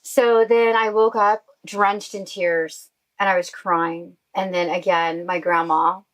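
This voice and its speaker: A woman's voice: on the low side, steady tone, slow, a bit bright, low-quality recording. A woman guest telling her own story in a casual interview, with an emotional delivery and many fillers. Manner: emotional, uses "like" often.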